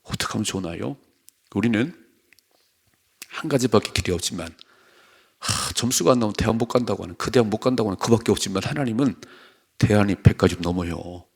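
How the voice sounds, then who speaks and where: Male pastor, husky and gravelly, dawn sermon, emphatic and questioning. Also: lowish voice, quick pace, long pauses.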